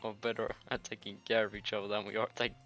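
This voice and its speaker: Reading a visual novel's lines fast in a level, somewhat bright, low-leaning voice, this let's-play host stumbles loosely and misreads words. Game music sits in the background of the recording.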